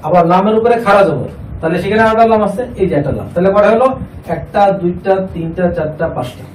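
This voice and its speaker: A man with a fairly high, darkish-toned voice leads a classroom Quran reading lesson at a quick pace, using call and response. He asks questions, repeats the students' answers, and chants syllables out long. He's recorded from a distance in an echoey room with a faint hiss.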